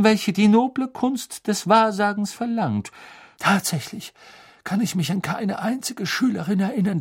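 A man's voice: on the high side, vocal fry, husky, pitched above the performer's own voice, heavily acted. A man voicing an eccentric, mystical female divination teacher who murmurs and whispers theatrically, in a storybook reading.

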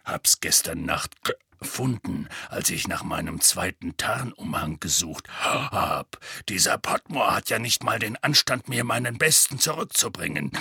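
A man voicing a gruff, grizzled old male wizard who growls low and gravelly. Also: expressive, a little slow, bright, forceful tone, dry recording, studio quality, exaggerated voice. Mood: growling.

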